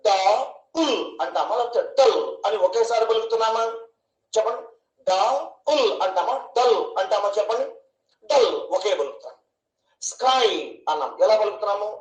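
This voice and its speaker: Male teacher, high voice, patient questioning delivery; roomy, muffled lo-fi recording. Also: a little mellow. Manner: slow, questioning, drawing out each syllable. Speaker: English grammar teacher. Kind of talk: online classroom lesson. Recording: echoey room, dull lo-fi sound.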